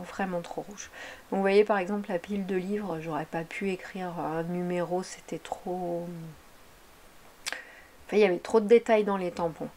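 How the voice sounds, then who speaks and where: A woman's voice: lowish voice, darkish tone, a little hiss or hum. A woman talking casually over her craft video, chatty and meandering, often correcting herself mid-sentence. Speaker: craft vlogger.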